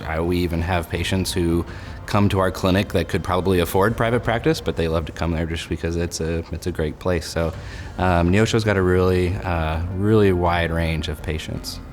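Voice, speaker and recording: A man speaking thoughtfully with many pauses about his patients in an interview. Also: low voice, a little hiss or hum. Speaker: dentist, scholarship recipient. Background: soft background music.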